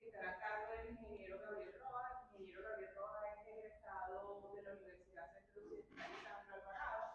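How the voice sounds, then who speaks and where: A woman introducing a speaker at an event, a little hesitant, with fillers. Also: fairly high pitch. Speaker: event presenter. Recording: echoey hall, distant mic, muffled, noisy.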